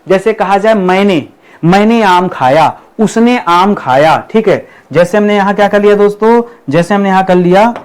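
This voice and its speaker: A man teaching grammar through quiz questions. He keeps checking in with his students and slows down to spell out each example sentence. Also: sits high. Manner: repeats "ठीक है" and addresses students as friends. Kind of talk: quiz lesson explanation.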